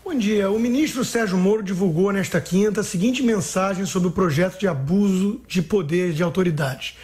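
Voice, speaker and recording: A man's voice: high-pitched, moderate pace, darkish tone, breathy edge. A man reading a prepared political opinion piece on the radio in a firm, emphatic way. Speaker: political commentator. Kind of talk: scripted radio opinion commentary.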